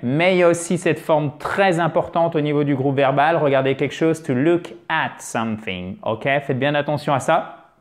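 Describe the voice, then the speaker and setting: A man teaching an English lesson on video, lively and emphatic, often addressing his viewers as dear friends. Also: on the high side, moderate pace.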